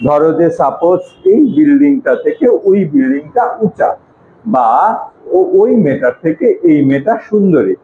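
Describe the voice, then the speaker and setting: বাংলাদেশি উচ্চারণের একজন পুরুষ শিক্ষক, নৈমিত্তিক ক্লাসের ঢঙে অনেক উদাহরণ দিয়ে ব্যাখ্যা করছেন।. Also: male voice, fairly high pitch, a little slow, slight background noise. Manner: lively, explaining with many examples. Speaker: English teacher. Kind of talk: casual classroom lesson. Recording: echoey room, tinny phone-like sound.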